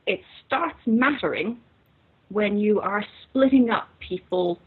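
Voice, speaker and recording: Woman, husky voice, casual barstool debater, argumentative, builds points methodically, lo-fi muffled recording. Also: mid-range voice, takes it slowly.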